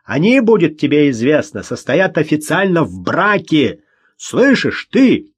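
A man voicing a brash, mocking young man who jeers and shouts in an audiobook. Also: fairly high pitch, sing-song, a little slow, breathy edge, voice pushed up, full character voice. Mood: jeering. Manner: jeering, shouting, cackling. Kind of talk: audiobook character voice.

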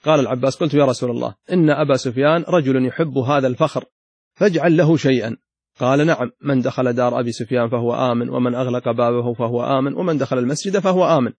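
A male scholar reads a classical text aloud at a brisk clip and pauses to restate passages with extra emphasis. His voice sits at a middle pitch and is recorded close and dry, with no room sound. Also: darkish tone, no room sound. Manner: reads passages, then restates them in his own words with added emphasis. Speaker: Islamic scholar teaching a lesson.

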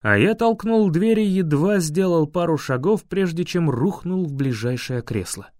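Male first-person fantasy narrator, slightly high, dry close recording. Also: moderate pace, no echo. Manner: steady storytelling, voices each character. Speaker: audiobook narrator.

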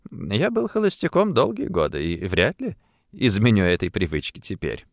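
A man voicing a polite, fussy elderly detective who speaks quietly and with restraint, in an audiobook reading. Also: fairly low pitch, huge pitch swings, normal speed, gravelly, no echo, studio quality, full character voice. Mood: dry.

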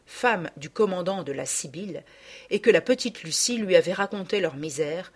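A woman narrating a classic children's novel in a calm, even storytelling manner. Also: on the low side, slightly rough.

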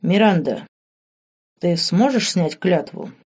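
A composed man in his mid-thirties, a grand master of an order, speaking quietly and evenly in a mellow, low voice, as a woman narrator reads him. His tone stays calm in this audiobook. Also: takes it slowly, husky, exaggerated voice.

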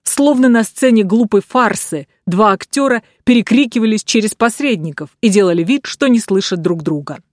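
A woman reading a novel aloud in an even, measured way. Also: medium pitch, no room sound. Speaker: audiobook reader. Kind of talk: scripted narration of a novel.

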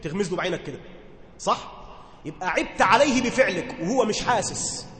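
An Egyptian teacher with a high voice explains Quran commentary in an echoey hall, reading the text and then explaining it in Egyptian Arabic dialect. He's expressive and brisk with a fairly bright tone, speaking conversationally and asking questions to check understanding.

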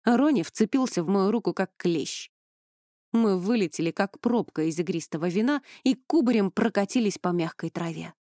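Mellow-voiced woman narrating an audiobook. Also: medium pitch, expressive, normal speed, no echo, studio quality. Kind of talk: first-person fantasy audiobook narration.

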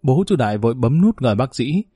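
A man narrating a family drama story in a calm, steady reading voice. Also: mid-range voice, fast, breathy edge, no echo, clean studio sound.

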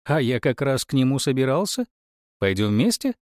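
A man's voice: mid-range voice, big pitch swings, normal speed, dry recording, clean studio sound, natural voice. A man voicing an adult writer who is mildly weary yet cheerful. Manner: sighing, then cheerfully shouting.

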